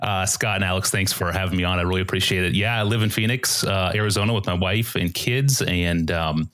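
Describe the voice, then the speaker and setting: A man speaking as a guest on a podcast interview, relaxed and thoughtful, with many small fillers as he talks. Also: low voice, brisk. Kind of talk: casual interview talk.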